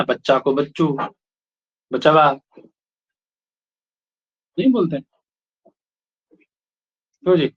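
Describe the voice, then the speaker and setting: A man from India lecturing a class in a fairly high voice, stopping every few phrases to check that the students follow him. The recording is dull and lo-fi. He speaks in a steady teaching manner. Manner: keeps checking in with the class with short tag questions.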